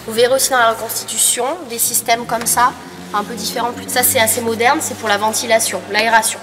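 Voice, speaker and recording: With a crowd audible behind her, a tired tour guide who has a cold explains an indoor mining museum hall to her group, quizzing them as she goes. Her voice is a little high, level in tone and fairly quick, captured by a far camera in a noisy, echoey space.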